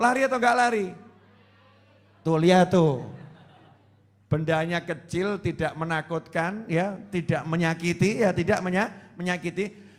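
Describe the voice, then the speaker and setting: A man giving a storytelling sermon, asking his audience questions and acting out quoted voices. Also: high voice. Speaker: preacher.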